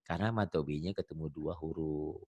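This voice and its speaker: A middle-aged man teaching Quran reading in an online lesson, explaining patiently in a chatty way and chanting recited verses slowly. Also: very deep voice, steady tone, darkish tone, slightly rough, dry recording, lo-fi sound.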